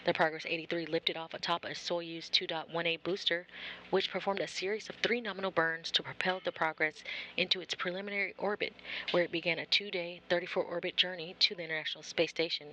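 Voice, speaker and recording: A mission control commentator giving measured, formal live coverage of a spacecraft operation. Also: mid-range voice, steady tone, bright, forceful tone, low-quality recording. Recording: faint background noise.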